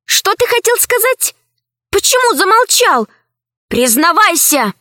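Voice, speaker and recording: A woman playing a bold schoolgirl heroine with a high, lively voice that moves around a lot. She is demanding and quick to press, and the dry, close recording keeps her sharp. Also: dry recording, heavily acted. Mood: spirited. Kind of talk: audiobook character voice.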